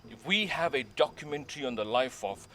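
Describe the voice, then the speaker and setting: A man's voice: mid-range voice, expressive, a little fast, a bit bright, slight background noise, lightly acted. An actor playing a jovial man who keeps joking and teasing. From South Africa. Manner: joking, teasing, laughs often. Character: jovial South African Indian man, joking fixer.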